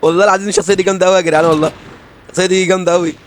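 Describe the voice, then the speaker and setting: A young man with an Egyptian Arabic accent commenting on his own online shooter match, rapid and excitable, repeating himself in frustrated outbursts. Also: high-pitched, a little hiss or hum. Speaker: gaming channel host. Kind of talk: live gameplay commentary. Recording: music over gameplay.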